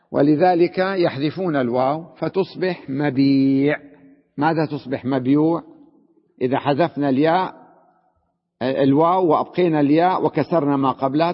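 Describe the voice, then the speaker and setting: A man teaching a grammar lesson, who poses questions to his class, answers them himself and repeats each word slowly. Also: on the high side. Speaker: sheikh teaching Arabic grammar. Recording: dull lo-fi recording with long reverb in a hall.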